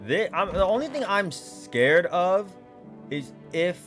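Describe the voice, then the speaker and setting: A man hosting a gaming video, thinking out loud in casual, slangy let's play commentary. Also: sits high, very animated, slow pace, faint music behind.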